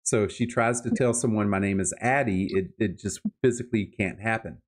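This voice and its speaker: Hosting a podcast, a man reviews books in a relaxed chat, pressing on words for emphasis as he shares opinions enthusiastically and colloquially. His fairly low voice stays steady and runs a little fast.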